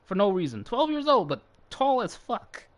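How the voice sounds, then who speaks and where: Animated young man telling a story. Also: sits high, normal speed. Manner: animated, swears freely, laughs mid-story. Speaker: channel host. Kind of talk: casual storytelling while gaming.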